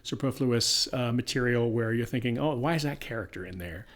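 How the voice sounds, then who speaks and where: Male podcast co-host, quick delivery, casual rambling review chat. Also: medium pitch. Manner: rambling, restarts, animated when retelling scenes.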